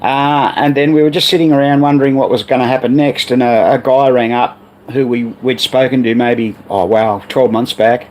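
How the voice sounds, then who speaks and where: An Australian man hosts a casual livestream on fixing old pinball machines, rambling with lots of fillers and reading viewer messages out loud. His voice sits in the mid range, steady and somewhat dark, at a normal pace. The recording is rough.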